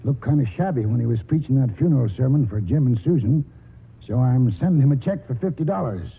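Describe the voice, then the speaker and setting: A feisty old grandpa near eighty; gravelly, lively pitch, tinny 1940s radio. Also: male voice, fast talker, full character voice. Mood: folksy. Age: older. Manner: folksy, stammering, cantankerous.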